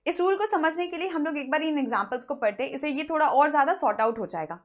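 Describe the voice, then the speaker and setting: High-voiced Hindi-speaking grammar teacher woman. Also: lively intonation. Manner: mixes Hindi with English, asks questions then answers them; slows down to read English example sentences. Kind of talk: online grammar lecture.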